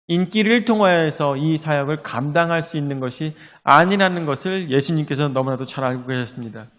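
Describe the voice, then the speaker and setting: A man's voice: a little high, a bit bright, in a large hall. A male pastor preaching a sermon, telling the story vividly and acting out the voices of a crowd.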